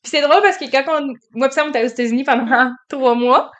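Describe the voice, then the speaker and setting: A woman's voice: sits high, fast talker, a bit bright. A young woman from Quebec with a Québécois French accent, co-hosting a podcast and telling stories in an enthusiastic casual chat. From Quebec, Canada. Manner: chatty, enthusiastic storyteller. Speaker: podcast co-host.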